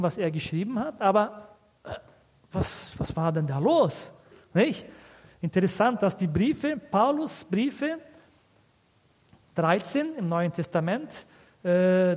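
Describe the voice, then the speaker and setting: Slow, high-voiced male preacher. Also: darkish tone. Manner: asks rhetorical questions, often with a tag "nicht?". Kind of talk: sermon. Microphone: fixed microphone he has to aim at. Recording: reverberant hall.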